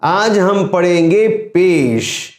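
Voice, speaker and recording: A man teaching Quran pronunciation, explaining the letter sounds patiently and drawing them out slowly to demonstrate. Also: sits high, lively intonation. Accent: Urdu. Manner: slow, deliberate, drawn-out demonstration of letter sounds. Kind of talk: tajweed pronunciation lesson. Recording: echoey room.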